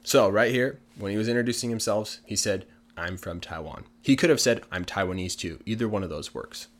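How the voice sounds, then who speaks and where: Speaking a little fast at a fairly low pitch, this native English-speaking man teaches English. His casual lesson features patient, plain-spoken explanations of language points backed by many examples.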